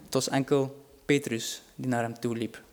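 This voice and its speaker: A man's voice: medium pitch, flat delivery, moderate pace, a little mellow. Earnest man preaching a sermon. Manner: earnest, reassuring, rises in volume for dramatic quotes.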